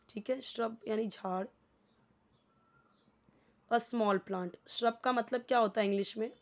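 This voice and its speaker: An Indian woman teaching a beginner's English lesson, mixing Hindi and English, reading English slowly and explaining each word. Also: fairly high pitch. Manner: slow, deliberate when reading English, quicker in Hindi explanations; explains word by word, repeating for learners.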